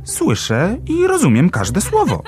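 A man's voice: high voice, wildly swooping pitch, measured pace, over music, voice pushed up, heavily acted. A man voicing a curious, naive young male sparrow in a storybook, asking eager, wondering questions. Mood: wide-eyed curious.

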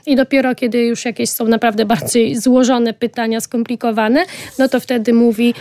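This mother has a slightly high voice with a flat, even melody. She answers earnestly and plainly. The recording is dry. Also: normal speed, no echo. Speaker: mother of a young child. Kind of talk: interview answers.

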